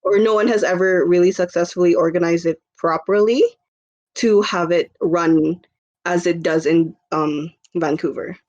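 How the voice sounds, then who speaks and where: Her voice is on the low side, steady and darkish, at a moderate pace, heard through lo-fi sound. She's a Filipino woman in her twenties and a podcast guest, rambling casually with lots of fillers and easy laughs.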